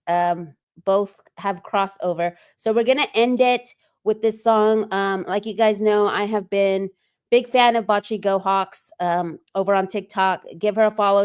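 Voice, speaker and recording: A woman's voice: mid-range voice, darkish tone, clean tone. A woman hosting a casual livestream, chatting loosely and reading viewer comments aloud with frequent ums. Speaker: livestream host.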